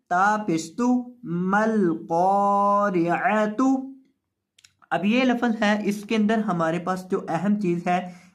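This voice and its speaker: Drawing out each syllable and spelling out the letters, a man with a Pakistani Urdu accent gives a slow Quran recitation lesson. His voice sits high.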